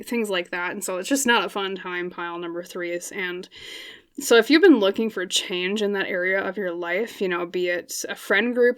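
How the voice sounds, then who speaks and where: This young woman, a tarot reader, has a smooth, medium-pitched, slightly bright voice that's getting a bit scratchy. She chats through the reading casually, thinking aloud with plenty of fillers and quick bursts of laughter.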